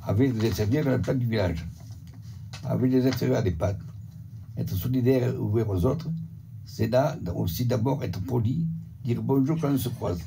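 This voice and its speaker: An older man from around Montpellier with a southern French accent reads his prepared statement steadily, item by item. His voice is dark and gravelly, and a faint hiss sits under it on the video. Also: medium pitch, moderate pace. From Montpellier area, southern France. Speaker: retirement home resident giving a report. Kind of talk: reading a prepared text. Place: retirement home, sent as a video.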